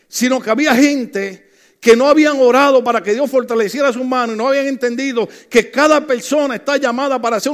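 A middle-aged man preaching a sermon, telling funny stories and calling out to the congregation. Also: extremely high pitch. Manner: humorous storytelling, calls out to the congregation. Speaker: pastor.

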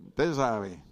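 A man from Puerto Rico preaching a sermon, joking with the congregation, repeating words and often asking if they are following. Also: mid-range voice. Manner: jokey, repeats words, often asks "right?".

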